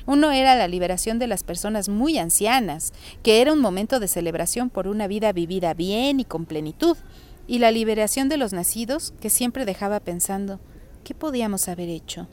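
A woman calmly reading a chapter of a novel aloud, narrating in a steady way. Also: medium pitch, fairly quick. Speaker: reader.

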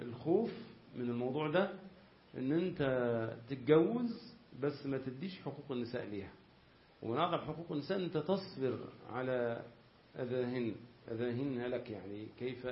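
A man's voice: medium pitch, slight background noise. A man with an Egyptian accent, a religious teacher giving a lesson on a classical text. He reads passages in formal Arabic, then explains them in everyday speech and asks his listeners rhetorical questions. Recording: roomy, slightly dull lecture recording.

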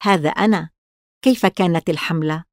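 A woman's voice: fairly low pitch, a little fast, no room sound, studio quality, lightly acted. A woman reading the part of a sinister, sneering stranger who scares easily, in a storybook reading. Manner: sneering, curt. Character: sinister mysterious man, sneering and easily frightened.

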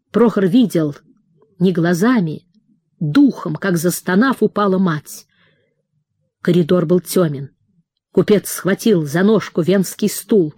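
A woman narrating a novel as an audiobook in a measured, dramatic reading. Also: fairly low pitch, a little mellow, slightly rough, no room sound, clean studio sound. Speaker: audiobook reader. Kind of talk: literary narration.

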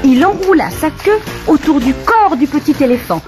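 Expressive woman reading a children's story. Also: high-pitched, normal speed. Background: background music.

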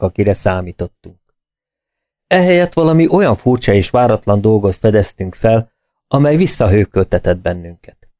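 A man with a fairly low voice narrates an audiobook in a steady, measured storytelling manner. The recording is dry, with clean studio sound.

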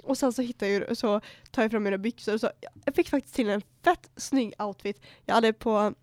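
A woman's voice: a little high, a little mellow, dry recording, clean studio sound. A young woman co-hosting a podcast, chatting casually and laughing as she retells what happened. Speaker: podcast host. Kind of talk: casual chat.

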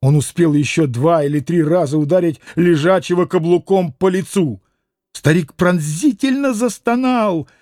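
A man narrating a classic novel aloud in an expressive, dramatic reading. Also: high voice, no room sound, studio quality. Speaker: audiobook narrator. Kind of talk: scripted literary narration.

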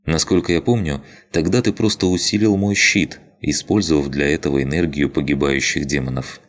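A man's voice: very deep voice, normal speed. A man voicing a tired young woman who sounds resigned and wryly sad. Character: weary young woman awaiting her fate.

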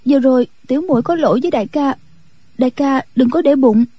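A woman voicing a timid, gentle young nun who pleads anxiously in an audiobook. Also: slightly rough, no echo. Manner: higher, pleading, rushed voice.

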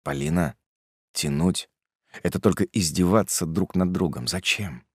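A man voicing a guilty young man calmly ending his engagement, speaking quietly and firmly. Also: deep voice, normal speed, creaky, slightly rough, no room sound, clean studio sound, full character voice. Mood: subdued, firm.

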